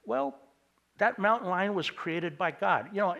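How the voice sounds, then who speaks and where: A middle-aged man preaching a sermon as a pastor, conversational and halting, with many fillers and restarts. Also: high voice, pushed and bright, highs cut off. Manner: acts out quoted voices in anecdotes.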